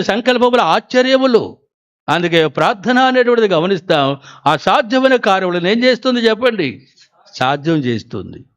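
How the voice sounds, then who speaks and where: A man's voice: sits high, smooth. A man preaching a sermon at a prayer house, telling his own testimony and often asking the congregation whether they follow. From Andhra Pradesh, India. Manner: asks the congregation questions again and again.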